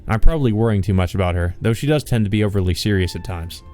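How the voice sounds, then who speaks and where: A man's voice: fairly low pitch, lively intonation, fast, darkish tone, soft background music. A man reading a visual novel aloud as a let's play host, with informal, rambling commentary. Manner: informal, sweary, rambling asides.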